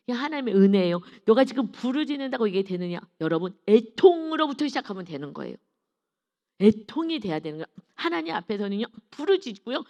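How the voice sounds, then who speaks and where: A woman preaching an early-morning Bible sermon, emphatic and emotional, moving between loud and soft. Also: medium pitch, long reverb tail, dull audio. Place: church sanctuary.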